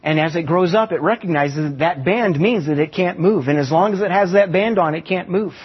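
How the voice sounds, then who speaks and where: A man preaching a sermon, teaching with stories and slowing down for emphasis. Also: high-pitched, husky. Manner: teaching with illustrations and slow emphatic pauses. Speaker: pastor. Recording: dull lo-fi sermon recording.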